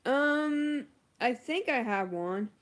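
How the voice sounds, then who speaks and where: A woman's voice: high voice, lively intonation, slow. A woman beauty vlogger chatting casually on a livestream, answering viewer comments with lots of ums and likes.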